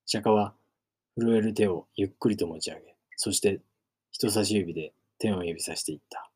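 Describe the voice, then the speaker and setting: A man narrates a novel in a low, husky voice. His reading is even and measured, steady from line to line. It is scripted storytelling read aloud. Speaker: reader.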